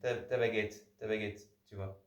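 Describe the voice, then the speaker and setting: A man's voice: lowish voice, moderate pace. A man teaching a cello master class, correcting a student often and singing out the bow rhythms. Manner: animated, corrects often with repeated "non", sings bow rhythms. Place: rehearsal hall with cello playing. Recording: roomy, distant, dull sound with loud cello.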